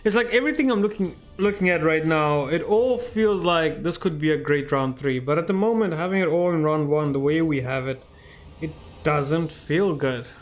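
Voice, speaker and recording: A man casually commenting on his card game as he plays, thinking aloud and getting excited at wins. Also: a little high, moderate pace, soft background music. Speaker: game streamer.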